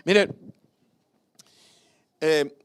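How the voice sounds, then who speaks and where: A pastor giving a sermon in a conversational, lively way, tossing out rhetorical questions and short tag questions, and moving between raised emphasis and quiet asides. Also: male voice, drawn-out words.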